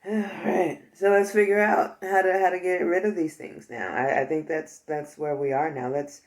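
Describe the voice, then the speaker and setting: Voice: medium pitch, steady tone, normal speed. A vlogger talking casually to the viewer, rambling and joking, with frequent asides. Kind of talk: casual chat.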